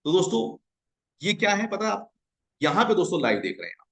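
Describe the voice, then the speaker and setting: A man giving a hyped, salesy screen-share pitch for an online business, constantly calling out to his viewers as friends. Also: sing-song, fast talker, vocal fry, a bit bright.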